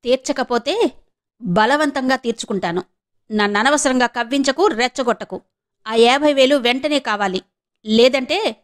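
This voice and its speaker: Woman voicing angry menacing husband, storybook reading, teeth clenched, higher voice. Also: normal speed, pauses often, close to an everyday voice. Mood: demanding. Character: angry threatening husband, middle-aged man. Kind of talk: audiobook character reading.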